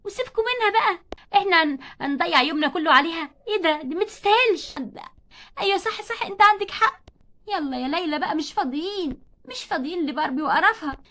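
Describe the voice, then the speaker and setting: A woman's voice: very high voice, animated, fast talker, a bit bright. A woman with an Egyptian Arabic accent voicing mean schoolgirl bullies who sneer and mock. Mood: dismissive. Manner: sneering, mocking.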